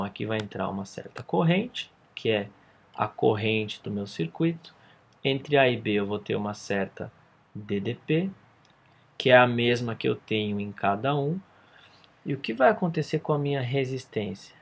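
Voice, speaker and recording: Male physics teacher, husky, gravelly voice, walks students through each step. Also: mid-range voice. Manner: explains step by step, checks in with "tá?" and "ok?". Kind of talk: whiteboard physics lesson.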